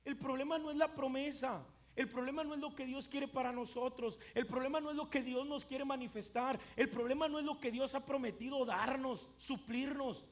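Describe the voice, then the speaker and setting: A male pastor preaching a sermon emphatically, swinging between loud and hushed, with occasional stumbles and repeated words. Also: very high voice, fairly even intonation, normal speed, hardly any pauses.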